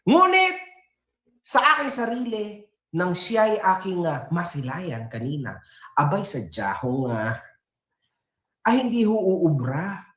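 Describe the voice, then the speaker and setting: A man's voice: high-pitched, huge pitch swings, takes it slowly, long pauses, fairly bright tone, roomy sound. A man from San Pablo, Laguna, in the Philippines, talking to his viewers in a boisterous, joking way, laughing often and swearing casually. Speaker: vlogger.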